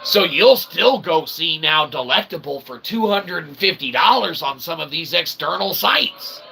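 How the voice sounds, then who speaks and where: An independent author and channel host rants alone on camera, opinionated and rambling, swearing casually and checking in with tag questions like "okay?" and "right?" His voice is fairly high, creaky, and sharp, animated yet unhurried. A faint hiss or hum sits under the audio.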